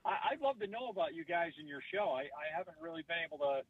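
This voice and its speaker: A man's voice: a little high, lively intonation, fast talker, slightly rough. Joking man on a muffled phone line. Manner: joking, self-deprecating. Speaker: stand-up comedian guest. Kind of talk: casual podcast chat by phone. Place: parked car.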